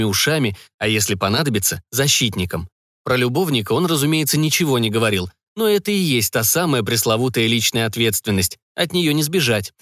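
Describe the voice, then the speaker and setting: A man giving measured, deliberate scripted narration of an audiobook. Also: mid-range voice, fairly bright tone, dry recording, studio quality.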